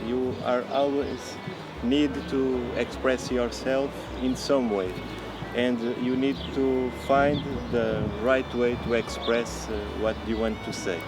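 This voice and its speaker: A man's voice: medium pitch, fairly even intonation, slow. A man from Portugal with a Portuguese accent, a painter answering interview questions hesitantly. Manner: hesitant, many fillers. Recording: loud music behind the voice.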